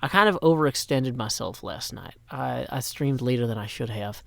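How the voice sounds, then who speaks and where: A middle-aged man from Nashville, Tennessee chats playfully on a live stream, sounding a little tired, with rhyming asides and long lists of greetings. His gravelly voice sits at medium pitch and moves at a moderate pace. The recording is dry, captured on a stand-mounted microphone.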